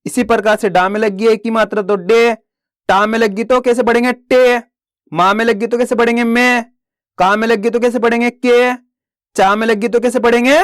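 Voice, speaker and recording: Male teacher, slow patient delivery, asks and answers his own questions, dry close recording. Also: extremely high pitch, fairly even intonation, a bit bright, no room sound. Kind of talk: teaching Hindi reading step by step.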